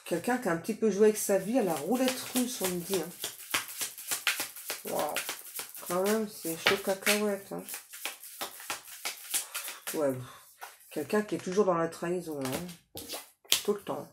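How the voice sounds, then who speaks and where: A woman's voice: fairly low pitch, unhurried, long pauses. A woman giving a casual psychic reading to viewers, talking in a chatty way with many fillers and tag questions. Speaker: psychic reader. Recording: echoey room, faint noise.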